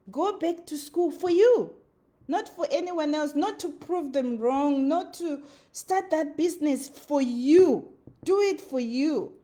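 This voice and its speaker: This motivational speaker, a woman with a Zimbabwean accent, speaks earnestly and repeats phrases to drive her points home. Her voice sits high and sounds mellow.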